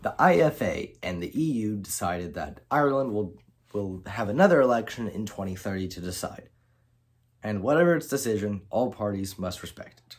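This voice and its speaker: Low-voiced man narrating, stumbling restarts. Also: lively intonation, normal speed. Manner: casual, many restarts and self-corrections. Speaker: channel host narrating an alternate-history scenario. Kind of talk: unscripted storytelling narration.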